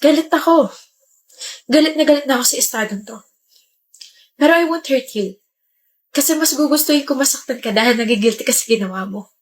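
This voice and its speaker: A woman acting in comedic skits, sharp-tongued and confrontational toward a cheater. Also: high-pitched, brisk, pauses often, slight background noise. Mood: firm. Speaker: lead actress in skits.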